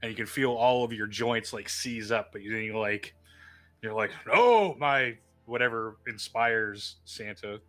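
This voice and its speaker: A man narrating and running a tabletop game as game master, relaxed and halting, often laughing. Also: lowish voice, faint music behind.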